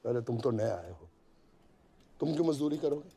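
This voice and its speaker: A man dubbing a film role as a gruff uncle figure who scolds and mocks but cares. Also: medium pitch, expressive, normal speed, mellow, a little hiss or hum, lightly acted. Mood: wry. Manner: scolding, mocking, then soothing. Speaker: cafe regular called captain. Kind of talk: Hindi film dub. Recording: film soundtrack with music behind. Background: film score.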